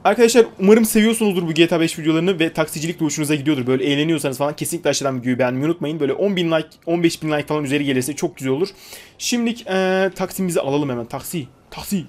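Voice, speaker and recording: A man's voice: on the high side, rapid-fire, a little mellow. A young man giving casual, joking gameplay commentary, chatting to the characters on screen and swearing lightly. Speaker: gaming YouTuber.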